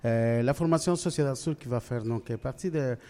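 A man's voice: mid-range voice, moderate pace, warm tone. A man co-hosting a radio show who announces the next act, mixing French and Spanish. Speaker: radio co-host.

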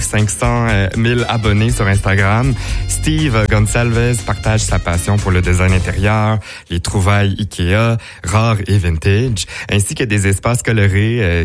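A male radio host with a Québécois French accent, interviewing a guest in a studio, chatty with many fillers and restarts. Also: on the low side.

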